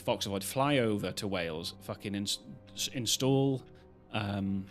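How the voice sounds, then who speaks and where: With a lowish voice and an unhurried pace, a British live streamer rambles along in loosely connected talk, swearing casually now and then. Faint music can be heard behind him.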